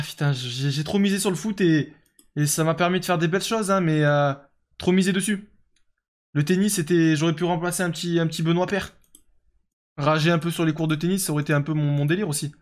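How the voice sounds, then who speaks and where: A young man streaming a football management game, chatting casually and answering his viewers as he plays. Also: on the high side. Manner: chatty, reads and answers chat, lots of fillers. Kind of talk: casual live game commentary.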